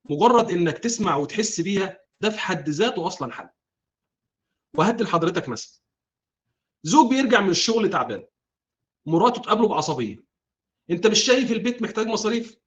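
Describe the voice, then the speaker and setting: A man with an Egyptian Arabic accent giving scripted, earnest religious advice, speaking directly to his listeners. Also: high-pitched. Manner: earnest, addresses the audience directly. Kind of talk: scripted preaching narration.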